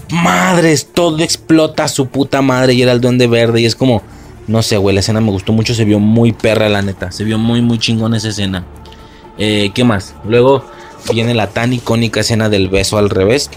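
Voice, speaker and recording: A young adult man with a Mexican accent hosts a podcast and recaps a film in a casual, excitable monologue full of slang and swearing. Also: lowish voice. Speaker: podcast host.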